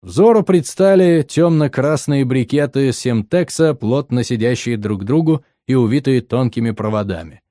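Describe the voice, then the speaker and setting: A man narrating an audiobook in the first person, matter-of-fact and even. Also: mid-range voice, no room sound, clean studio sound.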